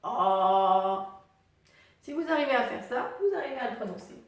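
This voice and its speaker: A woman teaching English pronunciation online, spelling out letter sounds slowly and patiently and putting questions to the viewer. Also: sits high, animated, recorded from a distance. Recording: very echoey room, voice set back from the mic.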